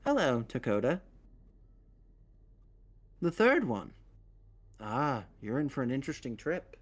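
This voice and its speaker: A man co-streaming a game in character as an eldritch raven, speaking in formal, measured, gently ominous phrases. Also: mid-range voice, big pitch swings, slightly rough. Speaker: co-streamer playing along.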